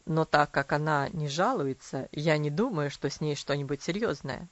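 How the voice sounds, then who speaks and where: A strict middle-aged father speaks low and firm, pressing his words with stern insistence, as a woman reader puts him on. The recording is dry and slightly dull. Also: moderate pace, no room sound, natural voice. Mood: stiff.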